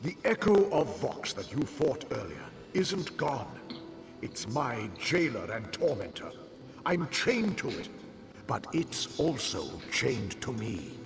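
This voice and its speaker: A man's voice: medium pitch, big pitch swings. An actor playing the earnest, tormented spirit of a dead man in a fantasy game, speaking solemnly and dramatically. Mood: grave, urgent. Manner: solemn, dramatic, deliberate delivery. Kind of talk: fantasy video game acting. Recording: game music behind the voice.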